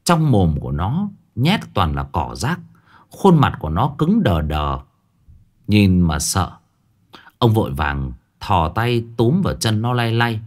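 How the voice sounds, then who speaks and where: A man narrating a ghost story in an expressive storytelling manner. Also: fairly low pitch, slow pace.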